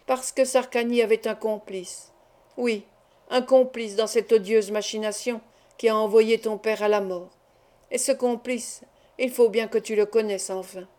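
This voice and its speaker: A woman voicing a grave older male doctor who speaks in a measured, solemn way in an audiobook. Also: a little high, steady tone, darkish tone, close to an everyday voice.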